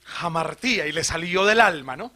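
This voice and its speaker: A man from Colombia, a priest, giving an animated theology talk to a live audience, asking questions and joking. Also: a little high, unhurried. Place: retreat hall.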